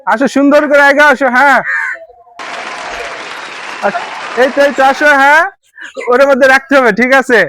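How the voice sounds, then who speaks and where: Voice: high-pitched, fairly even intonation, moderate pace, long pauses. Coaxing game host. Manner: coaxing, repetitive encouragement and cheering. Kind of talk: running a live kids' game. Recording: noisy crowd of children around.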